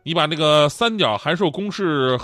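A man voicing a gruff, skeptical male stranger who mocks and quizzes, in a scornful manner. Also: fairly high pitch, expressive, normal speed, fairly bright tone, no echo, soft background music.

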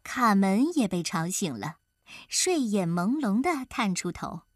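A woman narrating a children's story in an expressive, animated way. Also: mid-range voice, measured pace, no echo, studio quality.

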